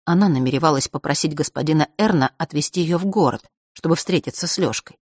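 Husky storybook narrator, dry close sound. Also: medium pitch, fast talker, dry recording. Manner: lively, expressive reading with shifting voices. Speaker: audiobook narrator.

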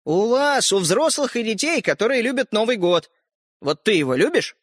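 A man's voice: high voice, very animated, dry recording, clean studio sound. A man voicing a touchy, boastful tiny fairy-tale hero who lectures and takes offence easily, in a storybook reading. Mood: urgent. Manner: huffy, lecturing, quick to take offence.

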